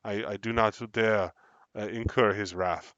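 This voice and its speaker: A man's voice: lowish voice, steady tone, a bit bright, dry recording, dull audio. Guy playing a nervous kobold chieftess, stiff formal talk, kinda hesitant, dry close sound. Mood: cautious. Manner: halting, formal speech. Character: wary female kobold leader, formal and cautious.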